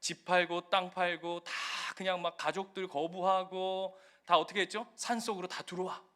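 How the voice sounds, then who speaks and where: A male pastor preaching a sermon in a church, animated and acting out scenes vividly. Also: high-pitched, moderate pace, smooth.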